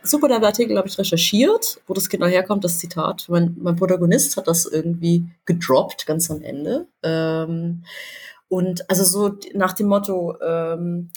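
A woman from southern Germany talks through her ideas on a casual games podcast. Her voice is a little low and husky, and she rambles along with plenty of fillers and slang. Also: normal speed, a little mellow.

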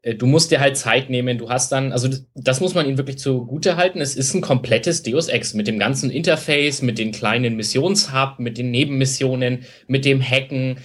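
A man's voice: mid-range voice, brisk, hardly any pauses. A man co-hosting a podcast, giving opinions in casual chat. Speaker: podcast co-host.

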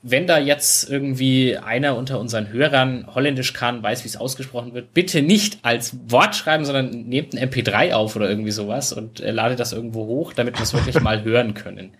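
Husky-voiced man hosting a casual podcast. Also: mid-range voice, a bit bright. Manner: easygoing, chatty, halting with fillers. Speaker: podcast host.

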